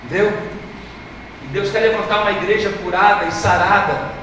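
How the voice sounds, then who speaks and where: A Brazilian man preaching a sermon in church, moving from hushed storytelling to impassioned shouting. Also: sits high, steady tone, fairly quick. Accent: Brazilian Portuguese. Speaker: pastor. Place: church service. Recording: echoey hall from far off, noisy.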